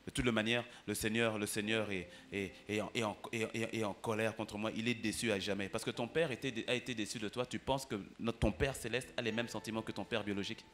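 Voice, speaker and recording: A man's voice: on the low side, steady tone, fast, hardly any pauses, a bit bright, slight background noise. A man preaching a sermon as pastor, passionate, with stammered repetitions and acted-out dialogue.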